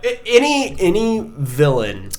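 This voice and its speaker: A man's voice: high-pitched, wildly swooping pitch, unhurried. A man co-hosting a podcast in casual chat, swearing freely and stating blunt opinions. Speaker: podcast co-host.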